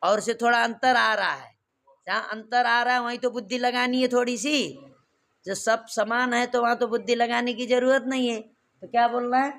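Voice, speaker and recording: A man's voice: extremely high pitch, fairly even intonation, normal speed, vocal fry, a bit bright. A man teaching Sanskrit grammar to a class, repeating verb forms and quizzing students with questions.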